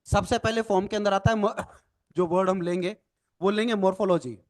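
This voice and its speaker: High-voiced male lecture trainer. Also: steady tone, brisk. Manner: explanatory, repeats "ठीक है ना" tag questions; spells words out letter by letter. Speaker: NLP trainer. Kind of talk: recorded lecture.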